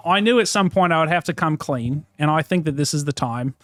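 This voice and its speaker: Man from Boston, comic guest; calm storyteller, slightly high voice, dry sound. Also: fast, no room sound. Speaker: stand-up comedian guest. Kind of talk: casual podcast chat.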